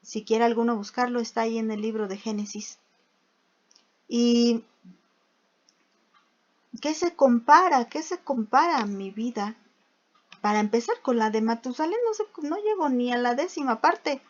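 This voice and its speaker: Una mujer que enseña la Biblia en un sermón, con preguntas retóricas y lectura de versículos. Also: female voice, a little high, unhurried, long pauses. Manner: asks rhetorical questions, reads scripture aloud. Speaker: preacher. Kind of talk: bible teaching. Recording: dull lo-fi recording.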